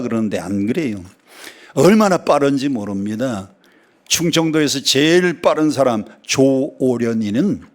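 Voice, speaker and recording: A man preaching a sermon in a church, telling stories with sudden high exclamations and dialect jokes. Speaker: pastor. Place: church sanctuary.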